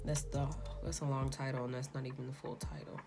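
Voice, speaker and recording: Casual beauty vlogger, woman, low voice, flat rambling delivery, music underneath. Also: a little fast, creaky. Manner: rambling, filler-heavy, self-described monotone. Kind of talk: casual makeup tutorial talk-through. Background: background music.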